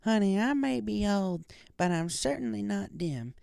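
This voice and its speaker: A shrewd elderly granny pony from a storybook, played by a man. The voice sits very high and is folksy and knowing, kindly but teasing. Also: lively intonation, measured pace, creaky, a little mellow, smooth, no room sound, studio quality, full character voice.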